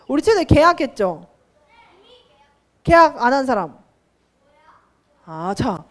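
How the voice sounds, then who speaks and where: A woman teaching a children's Sunday school sermon, animated and sing-song, often asking the children questions. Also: high-pitched.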